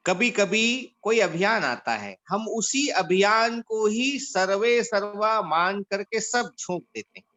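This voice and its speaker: Lively in intonation, his voice bright and pushed, the man from India leads an instructive session for volunteers. He tells short parables in a storyteller's style, slow and deliberate, with wide pitch variation, as the organisation's leader.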